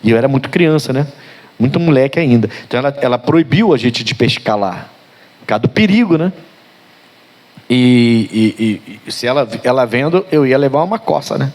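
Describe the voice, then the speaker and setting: A middle-aged male pastor preaching a sermon, telling a story from his youth, swinging from hushed and tender to loud and fiery, talking straight to his listeners. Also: medium pitch, lively intonation, moderate pace.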